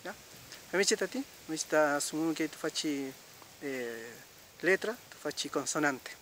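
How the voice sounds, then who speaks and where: A man's voice: fairly high pitch, expressive, fairly bright tone, slight background noise. Patient man teaching pronunciation. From Chile. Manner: patient, repeats words slowly, checks in with "¿ya?". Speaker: Mapudungun language teacher. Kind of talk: casual spoken lesson.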